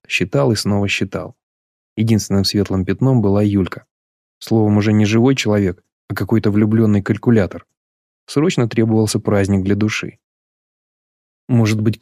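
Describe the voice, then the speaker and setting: Male narrator, low dark tone, dry close recording, measured delivery. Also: no echo. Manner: even, measured reading. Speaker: audiobook narrator. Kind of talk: scripted narration.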